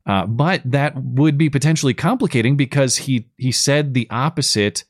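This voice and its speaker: A man co-hosting a live call-in show, slightly hoarse from losing his voice, talking in a wry, rambling way with frequent restarts. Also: mid-range voice, normal speed, no echo, clean studio sound. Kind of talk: casual live show chat.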